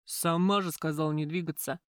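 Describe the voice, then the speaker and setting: A woman voicing a coarse male gangster thug who talks gruffly and bluntly in an audiobook. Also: sits low, fairly even intonation, normal speed, no room sound, clean studio sound, close to an everyday voice. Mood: sullen.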